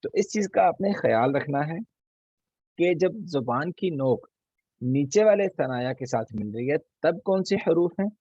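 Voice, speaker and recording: Guy teaching quran pronunciation online, husky voice, dull lo-fi sound. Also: on the high side, lively intonation, mellow, no room sound. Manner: patient, repeats each letter slowly for students to copy. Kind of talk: online tajweed class lesson. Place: online video class.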